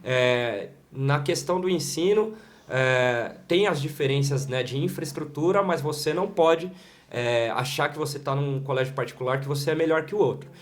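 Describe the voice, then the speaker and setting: A man with a São Paulo accent, a guest in a casual interview, telling stories in a relaxed way with many "né" fillers. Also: on the high side, normal speed. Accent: São Paulo Portuguese. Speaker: guest, creative director and videomaker. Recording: echoey room, distant mic, faint noise.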